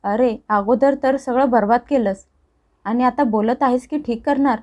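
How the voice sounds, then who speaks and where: A woman voicing an older, furious, scolding mother-in-law who shouts accusations, on a dull lo-fi recording. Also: high voice, moderate pace, lightly acted.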